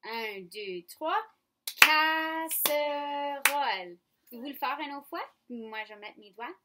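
A kindergarten teacher with a Franco-Ontarian French accent guides young children through a phonics lesson, speaking slowly, clearly and coaxingly. Her voice is a little high with lively intonation, and the recording is very noisy.

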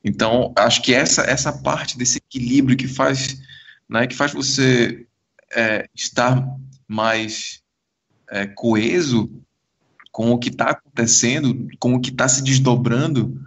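A man talks through an idea in a relaxed, musing way, circling back and restarting sentences as he goes. His voice is a bit husky, and the recording sounds dull and lo-fi. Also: mid-range voice, slow pace. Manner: rambling, many restarts, searching for words. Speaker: podcast co-host. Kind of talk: casual reflective chat.

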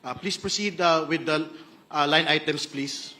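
A man's voice: fairly high pitch, measured pace, pushed and bright. A man with a Filipino accent chairing a formal hearing, mixing Tagalog and English. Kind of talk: formal legislative hearing talk.

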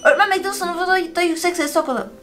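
A woman's voice: very high voice, very fast, a bit bright, faint music behind, pitched above the performer's own voice. A woman voicing a sad, bullied young schoolgirl in a video game, speaking in a hurt, complaining way.

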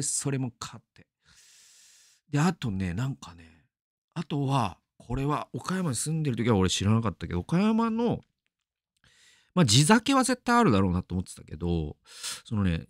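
A man's voice: mid-range voice, no echo, studio quality. A middle-aged man hosting a radio show, talking casually and rambling, laughing often. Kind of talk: casual solo talk.

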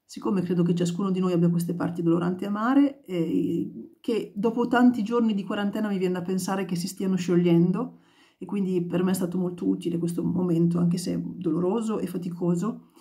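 A woman, a playwright and actress, speaking thoughtfully with hesitations before reading a novel aloud in a measured voice. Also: lowish voice, fairly even intonation, mellow.

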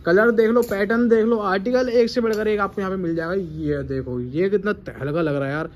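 High-pitched man giving a salesy shop tour. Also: a little fast, lo-fi sound. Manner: salesman-like, repeats prices and catchphrases. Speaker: vlogger presenting a clothing shop. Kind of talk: enthusiastic promotional shop-tour commentary. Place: indoors in a small clothing shop. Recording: noisy shop ambience.

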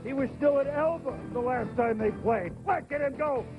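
A man announcing sports highlights in an excited commentary style. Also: moderate pace, muffled recording. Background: music.

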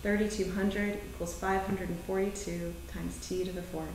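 A woman poet reads her own poetry and prose at a live theater event, adding short introductions and speaking in measured, deliberate phrases. Her voice sits at a middle pitch for a woman, with little pitch movement and a darkish tone. The indoor recording, made on a distant camera mic, is very reverberant with faint noise.

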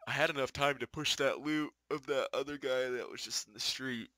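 A man chatting and joking while playing an online shooter, swinging from excited outbursts to hushed whispers. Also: mid-range voice, a little fast, faint music behind. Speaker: gameplay streamer. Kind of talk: casual gameplay chat.

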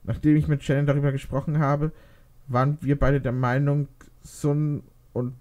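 A man's voice: medium pitch, little pitch movement, moderate pace, a little mellow, voice pushed up, natural voice. A man voicing a shy, embarrassed young mother in a read-aloud fan fiction story, speaking hesitantly. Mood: sheepish.

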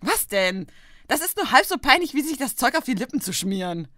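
A woman voicing a brash, shameless, mischievous alicorn pony princess in a fan audio drama, blunt, teasing and expressive. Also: high voice, a little fast, dry recording, clean studio sound, full character voice. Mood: sheepish.

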